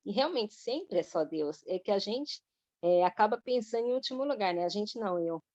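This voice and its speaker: A Brazilian woman tells her personal testimony to a church women's group. She narrates in a lively way and keeps slipping into the voices of the people in her story. The recording is dull, dry and lo-fi. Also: medium pitch, normal speed, no echo. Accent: Brazilian Portuguese. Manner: lively storytelling full of reported speech.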